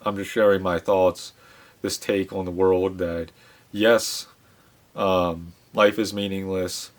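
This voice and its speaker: A man giving a casual monologue to his audience, speaking in a subdued, reflective way with many pauses, fillers and restarts. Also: low voice, level tone. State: subdued, low-spirited. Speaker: channel host.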